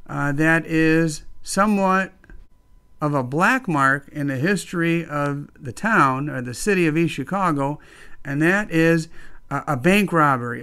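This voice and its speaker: A man from northwest Indiana hosts his video channel in a cheerful, chatty way, dropping in the odd "uh". His voice sits a little high for a man and comes through smooth and clear. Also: sharp tone. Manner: upbeat, friendly, with frequent "uh" fillers. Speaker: channel host. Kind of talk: casual video narration.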